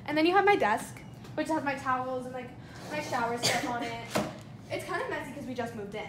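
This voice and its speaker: Casting note: teen girl, high voice, chatty and a bit deadpan, echoey dorm room with background noise. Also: fairly quick. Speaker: roommate giving a dorm tour. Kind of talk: casual room tour.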